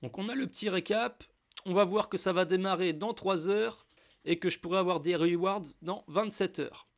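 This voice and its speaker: A French crypto YouTuber with a slight cold walks viewers through a crypto wallet in a screen-share tutorial, speaking at a moderate pace in a voice that sits high. He's chatty and informal, calling the viewer "tu" and adding casual asides.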